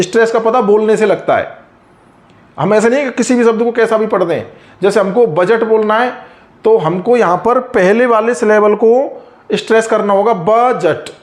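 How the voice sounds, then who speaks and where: A man explains grammar rules like a teacher. He speaks patiently and drags out example words slowly so each sound comes through. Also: sits high, a little mellow. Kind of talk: explaining a lesson.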